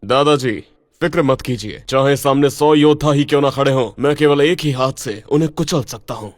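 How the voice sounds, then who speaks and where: A man dubbing a young martial arts hero who speaks in calm, menacing threats. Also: medium pitch, a little fast, no room sound, studio quality, lightly acted. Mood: reassuring. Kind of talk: Hindi drama dub. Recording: music underneath.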